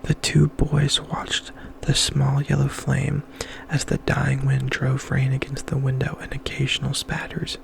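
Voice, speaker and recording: A man reading a novel aloud as ASMR in a breathy, intimate whisper, very close, as if right in the listener's ear. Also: mid-range voice, poor audio.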